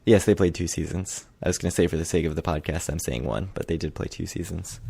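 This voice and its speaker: Deep-voiced dry-humored man co-host. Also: fast talker, creaky, warm tone, breathy edge, dry recording. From Prince George's County, Maryland. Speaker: podcast co-host. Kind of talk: casual chat.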